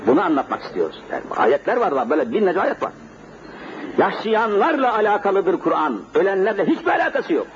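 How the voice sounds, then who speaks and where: A man's voice: high voice, big pitch swings, brisk. A middle-aged male preacher giving a sermon in a mosque, telling a story vividly and speaking directly to his congregation. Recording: dull lo-fi sermon recording, faint noise.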